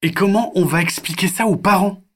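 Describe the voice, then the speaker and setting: A worried young boy from a storybook, cautious and quick to grumble, as a man puts him on. He protests in a raised, strained voice. His tone stays anxious. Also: high voice, slight background noise, voice pushed up, close to an everyday voice.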